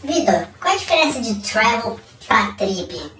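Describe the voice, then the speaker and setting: A man voicing a high, squeaky, curious student who asks quick questions. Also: sing-song. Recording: distant with loud noise.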